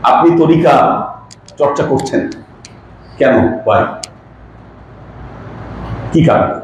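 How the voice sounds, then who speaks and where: A man's voice: mid-range voice, expressive, takes it slowly. A man gives a religious lesson as a Sufi teacher. He explains points and puts questions to his listeners, and his voice rings through a very echoey room. A faint hiss runs underneath.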